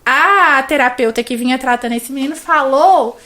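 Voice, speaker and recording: Brazilian woman host, really high voice, calm and kinda teachy. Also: moderate pace. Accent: Brazilian Portuguese. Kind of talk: podcast conversation.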